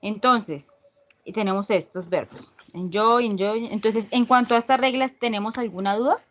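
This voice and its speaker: A woman's voice: fairly high pitch, normal speed. A woman teaching an online English grammar class in Spanish, patiently checking in with her students after each point. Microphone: video call.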